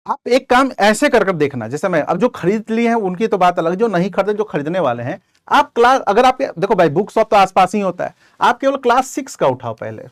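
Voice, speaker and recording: A man's voice: sits high, no room sound, clean studio sound. A man teaching as an exam coaching teacher, giving direct, conversational advice to his students in an informal lecture.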